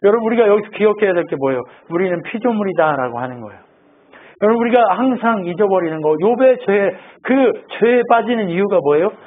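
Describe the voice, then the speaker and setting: Pastor, male, conversational sermon, husky voice, lo-fi phone sound. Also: high-pitched, animated, quick pace. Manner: conversational, asks the congregation questions.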